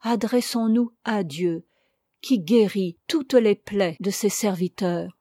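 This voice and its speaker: Solemn old priest, woman reading him, gentle, slow, dry close sound. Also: medium pitch, no room sound. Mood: consoling. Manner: solemn, consoling. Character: old male missionary priest, gentle and fervent. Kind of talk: audiobook reading.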